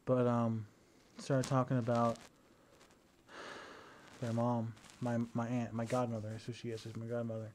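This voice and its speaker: A man's voice: medium pitch, moderate pace, a little hiss or hum. A young man lying down and talking into a battery-powered camera for a casual video diary, hesitant and full of fillers and restarts. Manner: relaxed, lying down while talking. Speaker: video diarist. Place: indoors, at home lying down. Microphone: battery-powered camera device.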